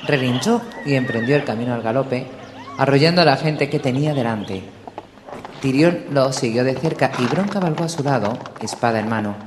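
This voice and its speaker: A man reading an audiobook in a steady, measured storytelling voice. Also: medium pitch. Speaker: audiobook narrator. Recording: echoey room with long reverb, faint hiss.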